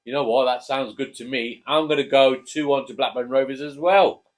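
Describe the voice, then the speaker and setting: A man's voice: medium pitch, moderate pace. A man co-hosting a casual chat, jokey and chatty, prompting his co-host to speak. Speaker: co-host, father.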